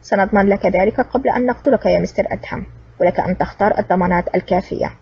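A woman's voice: mid-range voice, very fast, creaky, slight background noise, close to an everyday voice. A woman reading a sly gloating old villain. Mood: sly menace. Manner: cunning, smug and mocking. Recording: distant, dull lo-fi recording.

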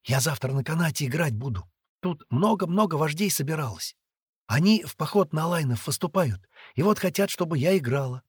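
A man reading aloud and voicing a spirited, bossy little girl who chatters in hushed, urgent tones. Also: fairly high pitch, lively intonation, brisk, breathy edge, no echo, clean studio sound, voice pushed up. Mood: chattering.

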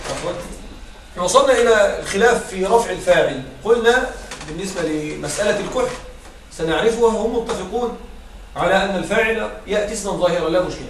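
A man teaching an Arabic grammar lesson who explains step by step, repeats his examples and keeps checking with quick rhetorical questions. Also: high-pitched, echoey room, distant mic.

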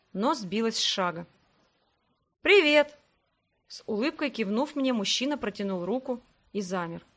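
A woman narrating a fantasy audiobook in the first person, in an even storytelling manner. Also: fairly high pitch.

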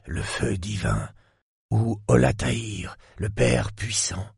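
A man voicing an enigmatic old millionaire lord in his eighties, with a grave, sepulchral, husky voice and a slow, solemn way of talking. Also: sits low, darkish tone, no echo, clean studio sound, full character voice. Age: 80s. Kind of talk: audiobook character voice.

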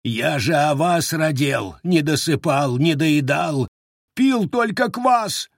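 A man voicing a greedy, foolish peasant who rants in a shrill, sobbing, self-pitying voice. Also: expressive, slow, vocal fry, no echo, studio quality, heavily acted. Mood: wailing.

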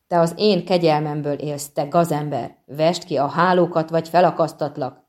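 An arrogant young prince, quick to shout and hurl insults, as a woman reader voices him. The storybook voice sits low and dark. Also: steady tone, natural voice. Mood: angry. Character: hot-tempered arrogant young male prince. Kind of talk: audiobook reading.

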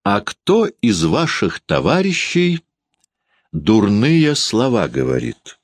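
A man's voice: lowish voice, huge pitch swings, slow, no echo, studio quality, pitched above the performer's own voice, heavily acted. A man voicing a sullen, spiteful middle-aged male schoolteacher who needles and pries. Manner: needling, malicious, prying.

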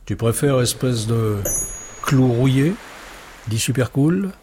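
A man's voice: medium pitch, animated, mellow, slight background noise. A man doing a teasing little nightmare creature. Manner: teasing, playful, drawn-out words. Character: small cheeky nightmare creature, crawling, moon-coloured, male. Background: music.

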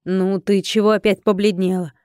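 Woman reader doing a weepy, fussing middle-aged innkeeper, mellow low voice, dry close sound, for a fantasy audiobook. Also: little pitch movement, normal speed, no room sound, close to an everyday voice. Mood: puzzled.

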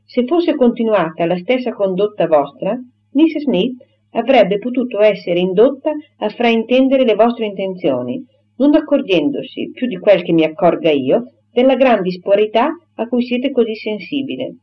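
A woman voicing a proper young gentlewoman who firmly and formally rejects a suitor, on a dull lo-fi recording. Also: medium pitch, lively intonation, normal speed, voice pushed up, natural voice. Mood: indignant firm. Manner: firm, crisp and formal.

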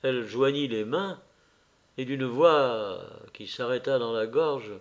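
A man narrating a classic novel as an audiobook reader, in a low-key dramatic way. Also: slow.

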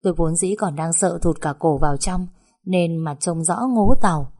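A woman's voice: lowish voice, normal speed, a little mellow, breathy edge. A woman narrating a story in the first person, recounting in a tense, breathless way.

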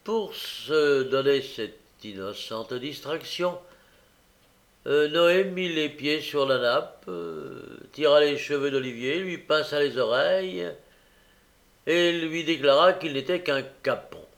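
Brief: male audiobook narrator, slow and measured, occasional hesitant fillers. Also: a little high, gravelly, a bit bright. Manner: unhurried, with frequent hesitant fillers. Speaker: audiobook reader. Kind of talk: novel reading.

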